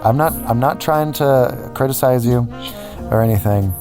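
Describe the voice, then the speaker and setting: A man's voice: medium pitch, moderate pace, over music. A man hosting a comedy podcast, improvising chat and mock interviews with a mock-sincere, hesitant delivery.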